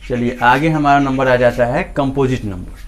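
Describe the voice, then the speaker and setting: A man's voice: medium pitch, steady tone, moderate pace. A man teaching a maths class, often asking his students questions and answering them himself, and repeating key points.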